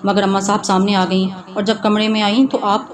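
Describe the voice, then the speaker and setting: A woman voicing a timid young wife who speaks softly and pleads. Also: mid-range voice, level tone, a crowd in the background, close to an everyday voice. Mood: pleading. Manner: pleading, soft. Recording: noisy background hiss.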